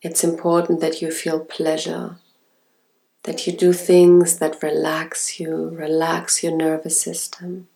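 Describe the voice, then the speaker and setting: Woman, intimate ASMR relaxation host. Very unhurried, soft and soothing, with some creak in an even, lowish voice. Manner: slow, soft, sensual, soothing delivery with breathy whispered words.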